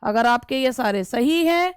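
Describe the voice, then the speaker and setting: A woman teaching A woman with an Indian accent gives an English grammar lesson for exam preparation. Her voice is fairly high and smooth, recorded dry and close. She reads each question deliberately, then explains it and answers her own questions. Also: animated, no echo. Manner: asks questions and answers them herself.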